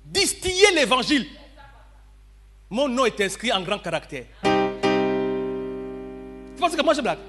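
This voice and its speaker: A man preaches in a high, bright, lively voice that leaps from shouts to hushed murmurs. He acts out dialogue as he tells his story. Soft instrument music plays faintly behind him in the church. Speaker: pastor. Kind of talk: storytelling sermon.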